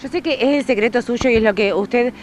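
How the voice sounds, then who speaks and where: Una mujer con acento argentino que conduce una entrevista de revista televisiva, preguntando con cortesía y formalidad. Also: female voice, a little high, a little fast, a little hiss or hum. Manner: polite, formal questioning. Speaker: interviewer host. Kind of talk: TV magazine interview.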